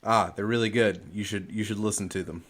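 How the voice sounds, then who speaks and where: Lower-pitched man in casual conversation. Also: steady tone, fairly quick, a bit bright. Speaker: sports podcast co-host. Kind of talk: casual chat.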